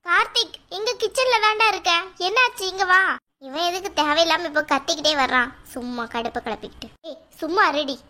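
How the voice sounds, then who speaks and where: A woman's voice: very high-pitched, fairly quick, sharp tone. A woman voicing a worried middle-aged mother in a cartoon, fretful and pleading. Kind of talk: cartoon voice acting.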